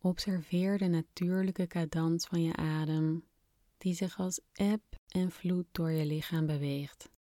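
A woman softly and soothingly guiding a breathing exercise in calm, unhurried scripted instructions, slightly breathy at times. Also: on the low side, no echo, studio quality. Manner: soft, soothing, unhurried instruction with long pauses. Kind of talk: guided relaxation exercise, scripted narration.

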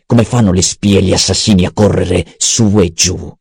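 A man voicing a cruel, mocking old baron in an audiobook, gruff and menacing. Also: low-pitched, steady tone, normal speed, a little mellow, no room sound, clean studio sound, exaggerated voice. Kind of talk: audiobook character voice.

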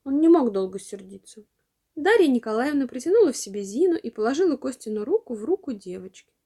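A woman narrating a children's storybook in an expressive reading voice. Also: on the high side, creaky.

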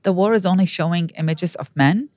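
A woman's voice: lowish voice, fairly quick, a little mellow, no echo. Earnest woman in her fifties. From Iraq. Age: 50s. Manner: earnest, reflective, frequent restarts. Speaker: guest. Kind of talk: personal storytelling in an interview.

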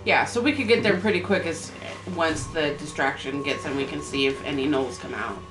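A woman's voice: low-pitched, a little fast, music in the background. Eager woman player, far from mic. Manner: eager, planning aloud. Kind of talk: tabletop game table talk. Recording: distant roomy mic.

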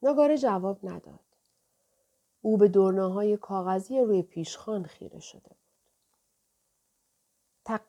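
Woman, audiobook narration, calm and measured, mellow warm tone. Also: mid-range voice. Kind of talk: scripted narration.

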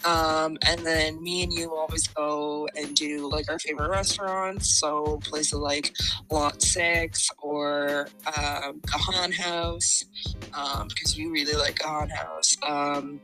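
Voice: medium pitch, flat delivery, slow, over music, rough recording. A young adult in their twenties from Nova Scotia with a Nova Scotian accent, chatting casually in a heartfelt, filler-heavy way. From Nova Scotia, Canada. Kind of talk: casual chat.

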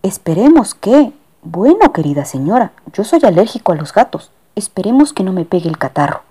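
A woman's voice: medium pitch, big pitch swings, brisk, dark tone, slightly rough. A woman voicing a grumpy, complaining businessman passenger who fears catching illnesses, in a storybook reading. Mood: grumbling. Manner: complaining, indignant. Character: grumpy hypochondriac businessman, older male.

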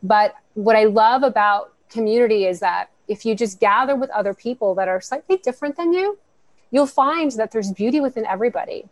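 A woman's voice: fairly high pitch, animated, a little fast, dry recording. Cuban-american woman on a podcast, earnest and upbeat, long rambling answers, dry close sound. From United States, Cuban family. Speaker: guest, founder of a women's network. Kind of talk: podcast interview.

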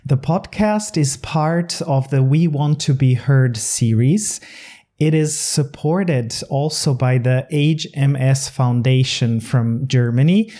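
Mellow-voiced male podcast host. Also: mid-range voice, slow pace. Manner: friendly, some fillers. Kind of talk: podcast introduction.

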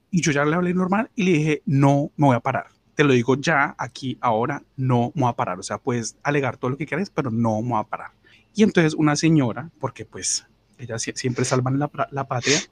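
A young man with a Bogotá Colombian accent, casually telling a crude, slangy story on a podcast and mimicking other people's voices. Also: mid-range voice. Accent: Colombian Spanish, Bogotá. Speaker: podcast co-host.

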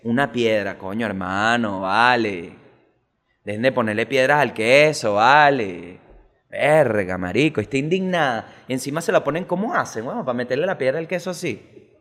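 A man with a Venezuelan accent who hosts a comic news show and rants fast, swears a lot, and jumps sharply in pitch. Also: a bit bright, big-room sound. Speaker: host.

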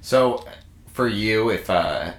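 A man's voice: on the low side, animated, slow pace. A man in casual chat about a show, easygoing, often answering with short agreements. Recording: echoey room.

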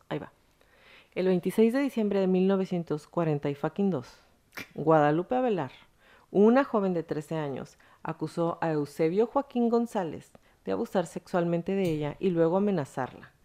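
A woman hosts a casual podcast, telling the story bluntly and dropping slang and swear words. Her voice sits low for a woman. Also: mellow. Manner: frank, blunt, uses slang and profanity. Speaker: podcast host.

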